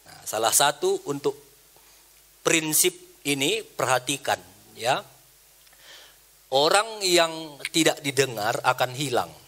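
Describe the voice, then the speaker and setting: A man preaching a sermon as pastor, animated, rising loud for emphasis and acting out quoted people. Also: on the high side, slow pace, pauses often. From Indonesia. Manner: conversational, acts out quoted people.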